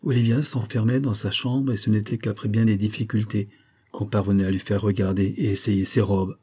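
A man reading a novel aloud as an audiobook narrator, in a steady, measured way. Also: lowish voice, breathy edge.

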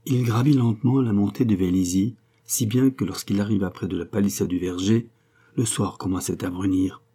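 A man narrating a classic novel in a measured, expressive audiobook reading. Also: on the low side, husky.

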